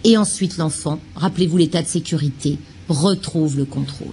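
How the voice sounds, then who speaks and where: A woman's voice: low-pitched, fairly quick, warm tone, slight background noise. A child psychiatrist giving a lecture to childcare staff, a woman who talks expressively and acts out short examples.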